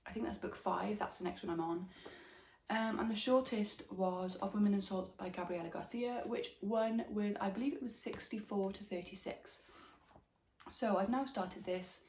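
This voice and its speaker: A young woman from Wales talks through a book she just finished in a relaxed reading vlog. Her voice sits at an ordinary middle pitch for a woman. She is chatty and reflective, trailing off and picking her thoughts back up. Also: moderate pace, slight background noise. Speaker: book vlogger.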